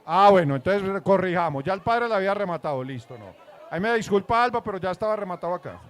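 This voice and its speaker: High-voiced Colombian man announcing at an auction. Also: animated, fast, some chatter behind. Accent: Colombian, Antioquia. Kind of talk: live event announcing, informal.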